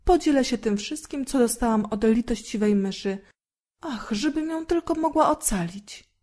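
A woman voicing a tiny, tender-hearted girl in a storybook reading, speaking softly and pleadingly, a little above her narrating voice. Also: on the high side, moderate pace, lightly acted.

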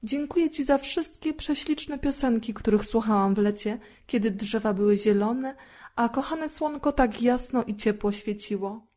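A tiny gentle girl, tearful and tender, as a woman reader puts her on, in a mellow storybook telling. She speaks softly and pleadingly, lifting her voice slightly, with a warm, dark tone underneath. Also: a little high, normal speed, natural voice. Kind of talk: storybook reading.

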